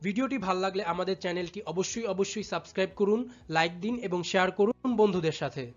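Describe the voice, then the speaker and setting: A teacher giving a step-by-step lesson, patiently repeating words and drawing them out slowly syllable by syllable. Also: medium pitch. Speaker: English teacher. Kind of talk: step-by-step tutorial explanation. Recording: slightly dull audio with faint background music.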